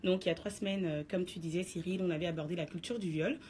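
In a radio studio, a woman with a fairly low, steady, darkish voice delivers her commentary column at a fast pace over slight background noise. She lays out her position to listeners in an assertive, lecturing manner.

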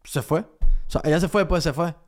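A man's voice: fairly high pitch, moderate pace, soft background music. A man in his thirties with a Venezuelan accent, teasing his partner in casual podcast chat. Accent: Venezuelan Spanish. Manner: teasing, self-mocking. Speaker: podcast co-host.

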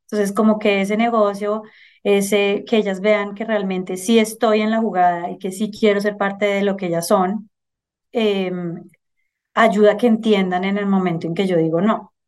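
A middle-aged woman with a Colombian Spanish accent, speaking as an interview guest in an earnest, animated way and often checking in with "¿sí?". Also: mid-range voice, moderate pace. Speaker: finance director, guest. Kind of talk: casual conversational interview.

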